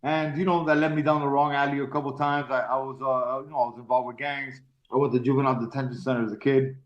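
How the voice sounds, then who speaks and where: A man in his forties from Miami, a professional fighter telling his life story in an interview, in a casual, halting way with many repeated words. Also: medium pitch, level tone. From Miami, Florida. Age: 40s. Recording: roomy, dull lo-fi sound.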